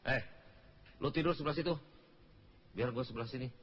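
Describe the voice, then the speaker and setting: A man's voice: mid-range voice, a little fast, highs cut off, very noisy. A Sundanese man performing a comedy sketch, scolding his partner with exasperation and laughter.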